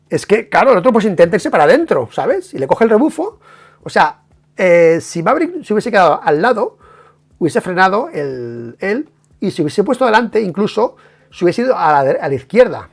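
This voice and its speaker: Animated Spanish streamer man, gravelly. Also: high voice. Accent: Spain Spanish. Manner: animated, emphatic, swears, many tag questions. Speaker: motorcycle racing streamer. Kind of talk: casual live stream race analysis.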